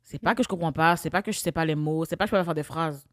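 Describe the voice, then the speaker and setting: A woman with a Québécois French accent co-hosting a casual podcast chat, emphatic and animated as she tells stories. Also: deep voice, racing, no echo, studio quality. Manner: emphatic, animated storytelling with bursts of loud laughter. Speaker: podcast co-host.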